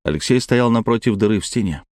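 A man narrating an audiobook in a measured, even storytelling manner. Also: on the low side, no echo, studio quality. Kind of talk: scripted narration.

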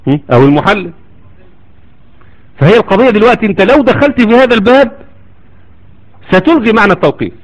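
A man with an Egyptian Arabic accent delivers a religious lecture at a rapid clip. His voice sits high, and he presses his argument with one rhetorical question after another. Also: low-quality recording. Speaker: Islamic lecturer.

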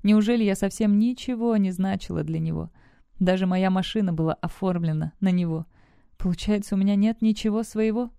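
A woman's voice: medium pitch, fairly quick, creaky, warm tone, smooth, dry recording, clean studio sound, natural voice. A woman reading the part of an indignant young widow in an audiobook, her speech demanding and pleading.

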